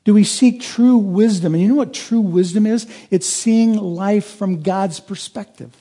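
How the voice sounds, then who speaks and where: A man in the pulpit delivering a sermon, his voice fairly high for a man. The tone is mellow and a little husky. He preaches earnestly and swells into emphatic high points. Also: a little slow. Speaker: pastor.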